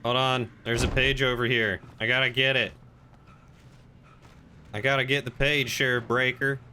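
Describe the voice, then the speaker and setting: Male game streamer: wry, playful casual commentary, bright mid-pitched voice, faint game noise behind. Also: flat delivery, moderate pace. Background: faint game sounds.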